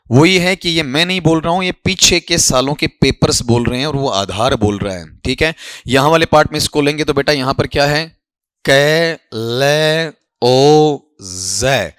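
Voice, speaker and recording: A man's voice: a little high, a bit bright, no room sound, clean studio sound. A man teaching an exam-prep lesson in Hindi mixed with English, coaxing his students and addressing them fondly as children. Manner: coaxing, addresses students as beta, repeats "theek hai".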